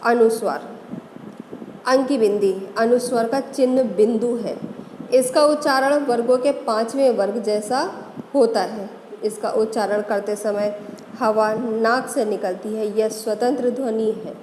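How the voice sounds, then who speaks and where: A woman's voice: a little high, a little slow, a little mellow, slight background noise. A woman teacher giving a methodical grammar lesson, spelling out letters and sounds one by one. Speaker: Hindi teacher. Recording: echoey room, long reverb, faint ambience.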